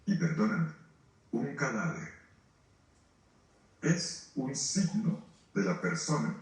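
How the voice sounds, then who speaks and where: Echoey, distant priest preaching emphatically. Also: male voice, medium pitch, huge pitch swings, slow pace. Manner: emphatic, rhetorical questions, speaks to listeners directly. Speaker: priest leading a grief retreat. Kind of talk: sermon. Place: formation house hall.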